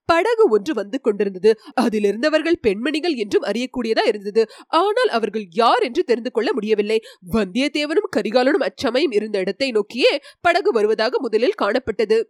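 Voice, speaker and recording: A woman reading a story aloud as an audiobook narrator, with even, clear storytelling. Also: fairly high pitch, normal speed, dry recording, studio quality.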